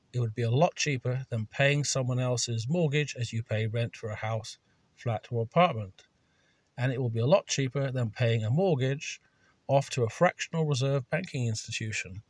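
A man's voice: mid-range voice, no echo. A man reading a scripted voice-over with dry, sardonic humour. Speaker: video narrator.

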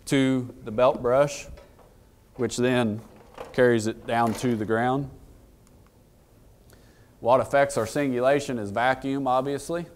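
A man's voice: medium pitch, slight background noise. A man in his thirties giving a casual technical talk to an audience in a conference room, plain-spoken and folksy, often asking the room questions. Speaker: equipment dealer presenter.

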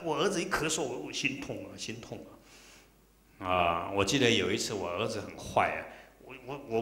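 A man's voice: medium pitch, a bit bright. A middle-aged man, a Buddhist monk, giving a dharma talk full of personal stories, emotional and acting out the dialogue. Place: temple lecture hall. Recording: roomy hall echo.

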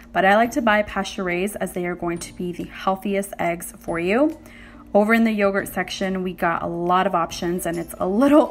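Woman, vlogger, upbeat chatty voice-over with light laughs, mid pitch, faint music bed. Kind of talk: grocery haul voice-over.

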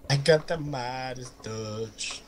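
A man chatting casually while gaming, cracking quick jokes. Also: medium pitch. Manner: joking, quick quips. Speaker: gamer. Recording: faint background noise.

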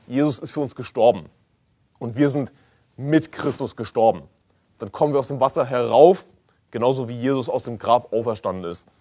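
Fiery male preacher, insistent and repetitive. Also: mid-range voice. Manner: emphatic, insistent, repeats key phrases; swings from quiet stress to loud condemnation. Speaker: pastor. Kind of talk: fiery sermon.

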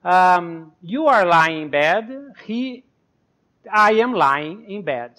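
A man's voice: high voice, expressive, very slow, bright, forceful tone. A Brazilian man co-hosting a podcast lesson, explaining English grammar step by step and spelling words out letter by letter. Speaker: English teacher, podcast co-host. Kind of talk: conversational teaching podcast. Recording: muffled online call audio.

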